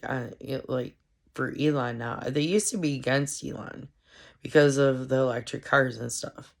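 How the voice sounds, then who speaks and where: Brief: congested woman vlogger, monotone and gravelly, halting ramble full of fillers. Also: rumbling low. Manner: halting, meandering, heavy with fillers. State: stuffed up, congested. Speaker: solo commentary vlogger. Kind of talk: casual rambling monologue.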